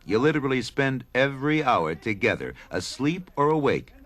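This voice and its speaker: A man's voice: mid-range voice, very animated, moderate pace, fairly bright tone. A man reading scripted documentary narration as the narrator.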